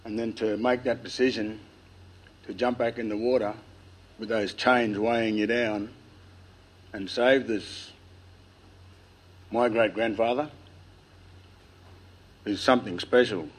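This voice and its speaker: Low-voiced, lisping Australian man, nervous and halting. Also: fairly even intonation, husky. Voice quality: lisp. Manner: nervous, halting delivery with long pauses. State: dry-mouthed. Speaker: speaker telling family history. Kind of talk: informal public speech, oral storytelling.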